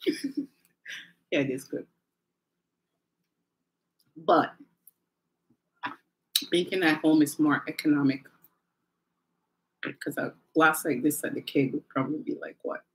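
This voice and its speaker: A woman's voice: sits low, measured pace, pauses often, slight background noise, rough recording. A woman hosting a live stream from home, chatting casually, talking straight to her viewers and laughing often. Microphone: phone or camera mic on a live stream.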